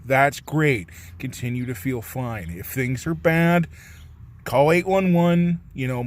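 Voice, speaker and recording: A man talking earnestly to camera in a casual vlog, rambling and swearing a little as he reassures viewers. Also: on the high side. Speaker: vlogger.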